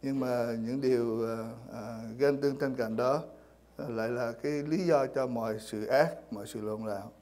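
A man's voice: medium pitch, normal speed, darkish tone. A man preaching a sermon in church, speaking hesitantly with many fillers and repeated words. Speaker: pastor.

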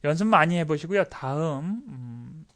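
A fairly high-voiced man teaching a recorded pronunciation lesson. He gets excited, repeats each word many times with exaggerated mouth sounds, and chuckles at himself. He is heard close up on a desk microphone. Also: moderate pace. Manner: animated, drills words over and over with exaggerated sounds; excitable, laughs at himself and apologizes.

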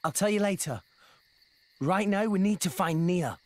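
A man's voice: high-pitched, normal speed, no echo, lightly acted. A man voicing an earnest, good-hearted teenage boy hero, in game cutscene audio with music behind. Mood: urgent.

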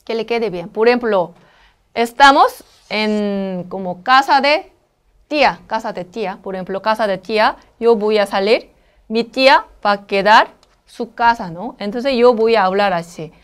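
A Korean-native woman teaching a language lesson, explaining slowly and patiently, checking with the listener, and repeating example phrases. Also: clean tone. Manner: slow, patient explanations with frequent checking questions; says Korean phrases brightly and quickly, then drops her voice low for comments.

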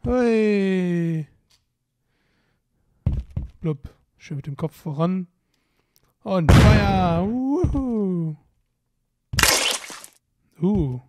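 A man's voice: high voice, a little mellow, slight background noise. A young man giving casual, playful commentary while playing a video game, often exclaiming and muttering to himself. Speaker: let's play commentator.

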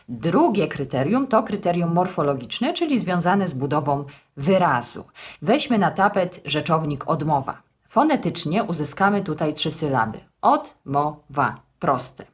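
A woman explaining grammar rules in a formal, measured way with touches of dry humour. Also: deep voice, husky. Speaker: text editor hosting a language series. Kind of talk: scripted language lesson.

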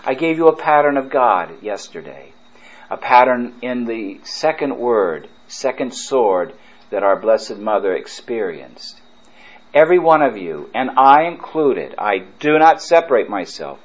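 A priest preaching a retreat sermon, fervent and emphatic, drawing his phrases out slowly. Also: mid-range voice, big pitch swings, muffled recording.

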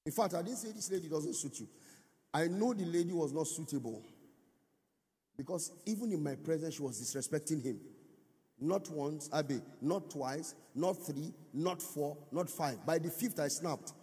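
A man preaching a conference sermon, his fairly high voice lifting into sung, climbing lines as he presses each point and calls for the crowd to answer. The sound carries the long reverb of a big hall. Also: animated, normal speed, warm tone. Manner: preaching with sung, rising emphatic phrases and call-and-response. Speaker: pastor. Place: large church or conference hall.

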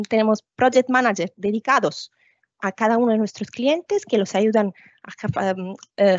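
A woman's voice: on the high side, no echo. A woman giving a business webinar presentation over a video call, hesitantly searching for her words. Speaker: guest presenter, account executive. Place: indoor video call, seated at webcam. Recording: muffled video-call audio.

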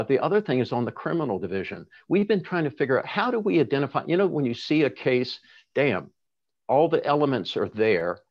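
A man's voice: fairly low pitch, muffled recording. A man running for reelection as city attorney, speaking earnestly and passionately in an endorsement interview, often restarting his sentences. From Seattle area. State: tearful at times.

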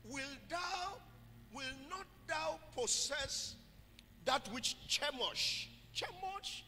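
High-voiced man preaching at a pulpit mic. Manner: fervent preaching, bursts into loud sung cries. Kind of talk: sermon. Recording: long hall reverb with music behind.

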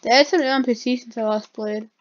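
A woman's voice: a little high, quick pace. A woman giving casual gameplay commentary, her speech slightly altered by wearing dental retainers. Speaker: gamer hosting a playthrough. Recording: dull lo-fi mic, keyboard clicks.

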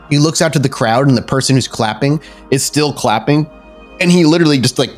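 Acting as the tabletop roleplaying game's storyteller, this medium-pitched man makes up descriptive narration on the fly, keeping his tone casual and conversational.

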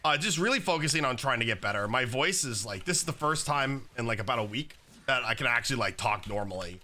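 A young gaming YouTuber, slightly raspy as he recovers from being sick, comments on his own gameplay at his home desk setup indoors. His mid-range voice is expressive, fast and sharp, and he chats casually with plenty of "like" and "um."

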